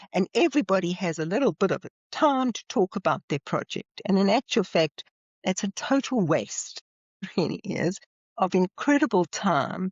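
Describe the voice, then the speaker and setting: A woman's voice: lowish voice, dry recording. A woman with a South African accent, a leadership trainer explaining her methods earnestly in an interview. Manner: earnest, explanatory, now and then laughing. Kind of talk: interview conversation. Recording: slightly muffled, dry audio.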